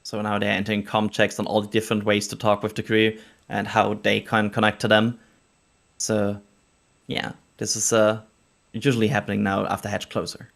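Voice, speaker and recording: A man's voice: lowish voice, completely flat delivery, normal speed, vocal fry, fairly bright tone. A man hosting a livestream with casual, hesitant live launch commentary. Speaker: livestream host.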